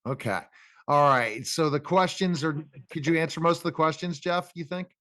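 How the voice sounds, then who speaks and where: A man's voice: fairly high pitch, moderate pace, fairly bright tone, no echo. A man hosting a casual talk interview, talkative, with rambling questions and remarks about himself.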